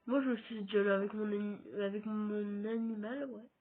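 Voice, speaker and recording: A gaming YouTuber with a French accent does casual let's-play commentary, chatting straight to viewers as he plays. His voice is high, fairly even in intonation, at normal speed, and the audio sounds tinny, like a phone.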